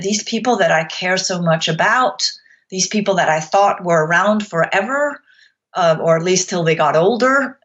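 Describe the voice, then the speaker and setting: A woman's voice: medium pitch, a bit bright, lo-fi sound. A woman from Denmark speaking as a podcast guest, telling her story reflectively with frequent hesitations. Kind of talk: interview conversation.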